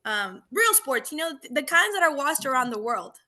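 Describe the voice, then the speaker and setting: A police officer from Argentina, a woman in her thirties, tells her story during a relaxed, chatty podcast interview. Her voice sits high and she talks at a moderate pace.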